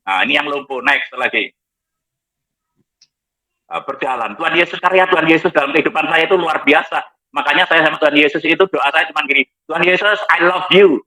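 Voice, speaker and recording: A lively pastor with a tinge tells his story in a studio talk. His voice is bright and sits a little high. He jokes as he goes. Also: fairly quick, low-quality recording. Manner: lively, jokey, repeats "next lagi" while showing slides. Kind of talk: testimony in a talk show.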